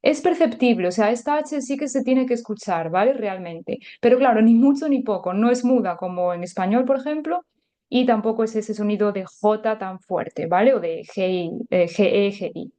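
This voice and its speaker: Mellow-voiced woman teaching a language. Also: medium pitch, moderate pace. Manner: chatty and explanatory, many filler words. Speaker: German teacher. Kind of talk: podcast language lesson.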